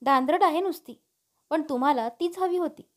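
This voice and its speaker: A woman's voice: sits high, normal speed, lightly acted. A woman voicing a fussy, nagging middle-aged mother in a storybook reading. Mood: scolding. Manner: teasing, nagging.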